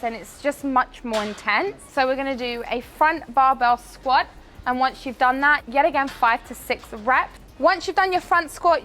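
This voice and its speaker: A woman's voice: on the high side, fairly bright tone, a little hiss or hum. A woman fitness coach explaining a gym workout in a casual, upbeat way, out of breath, sometimes swearing. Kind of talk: workout vlog instruction.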